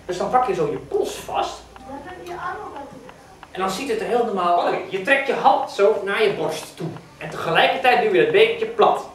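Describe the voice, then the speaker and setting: Animated male magician in a noisy echoey hall. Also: sits high, moderate pace. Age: young adult. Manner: animated, projecting to an audience. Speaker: children's magician. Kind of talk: live stage magic show for children. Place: school hall stage, indoors, children in audience. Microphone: far camera. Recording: echoey noisy hall, distant camera microphone.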